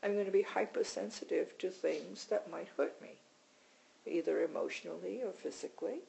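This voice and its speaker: A woman's voice: fairly low pitch, moderate pace, creaky, warm tone, slight background noise, poor audio. A woman teaching in an informal, conversational way, often repeating words and adding "right?". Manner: conversational, repeats words and adds tag questions. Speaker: meditation teacher.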